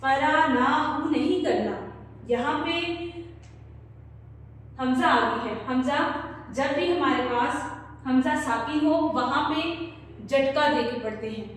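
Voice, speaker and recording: A woman teaching children Quran recitation with an Urdu accent, slowly modelling each word for them to repeat. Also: high voice, a little hiss or hum. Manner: slow, patient, models recitation for pupils to repeat. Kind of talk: tajweed lesson for children. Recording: echoey distant room recording.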